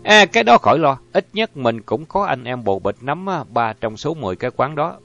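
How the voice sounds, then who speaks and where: A man reading an audiobook voices a calm, self-assured counselor of a crime family. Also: medium pitch, brisk, gravelly, voice pushed up. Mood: reassuring. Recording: dull lo-fi audio, faint music.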